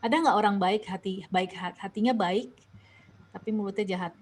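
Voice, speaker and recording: A woman's voice: mid-range voice, a little fast, slight background noise. A young woman with an Indonesian accent leading an online Bible study discussion, asking questions and reading verses aloud. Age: young adult. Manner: questioning, reads verses aloud, many restarts.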